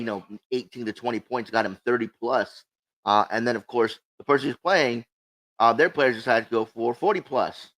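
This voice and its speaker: A man's voice: medium pitch, a bit bright, poor audio. A man co-hosting a livestream in casual, sweary chat, talking with a swollen lip. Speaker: co-host of a cigar show.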